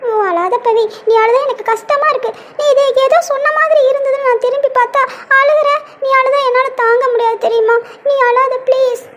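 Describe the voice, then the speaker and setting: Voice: very high voice, fairly even intonation, a little fast, a bit bright, a little hiss or hum. A voice actor playing a young cartoon wife who pleads tearfully, speaking and singing sad laments. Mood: pleading. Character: young wife torn between husband and parents. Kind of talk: Tamil cartoon voice acting with sung laments.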